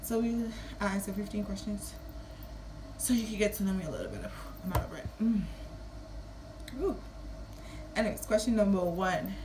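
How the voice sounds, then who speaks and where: A woman's voice: medium pitch, normal speed, long pauses, noisy background. A woman in her early twenties with a Kittitian-Nevisian Caribbean accent, chatting casually and playfully to camera. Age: early 20s. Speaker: vlogger. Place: small room at home.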